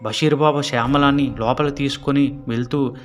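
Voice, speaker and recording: A man narrating a horror story in a steady storytelling manner. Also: mid-range voice, moderate pace, faint music behind.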